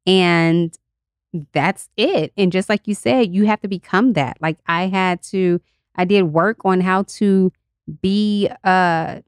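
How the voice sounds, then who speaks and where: A woman guest on a podcast, chatting in a relaxed way and peppering her speech with "like". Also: fairly low pitch, slow, clean tone, no echo, studio quality. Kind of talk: casual chat.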